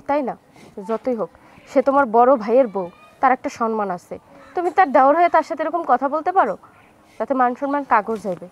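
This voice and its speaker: An actress playing a young wife who complains about her sister-in-law, with a colloquial Bangladeshi Bengali accent. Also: high voice. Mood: placating. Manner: complaining, then placating. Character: young wife urging her husband to calm down. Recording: with faint background music.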